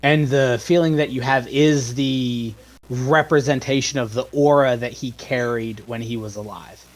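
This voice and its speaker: A man's voice: mid-range voice, fairly even intonation, a little slow, low-quality recording. A man narrating a tabletop game as game master, stopping and restarting often as he describes the scene.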